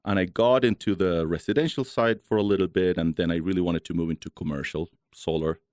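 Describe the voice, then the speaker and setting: A man from Chile in his thirties, a guest talking in a relaxed, chatty way with many fillers. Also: deep voice, brisk, no room sound, studio quality. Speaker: guest, solar company founder. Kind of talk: casual interview talk.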